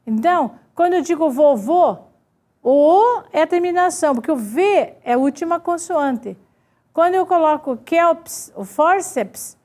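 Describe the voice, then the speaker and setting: A woman's voice: high-pitched, mellow. A woman teacher with a Brazilian accent giving an online grammar lesson, explaining step by step and often checking in with her students. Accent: Brazilian Portuguese. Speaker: Portuguese teacher.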